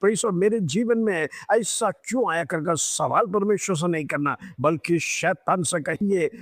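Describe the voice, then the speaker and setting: A man's voice: on the high side, no echo. Fervent male preacher, dry close sound. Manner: fervent and exhorting, with frequent hallelujahs. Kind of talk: devotional sermon.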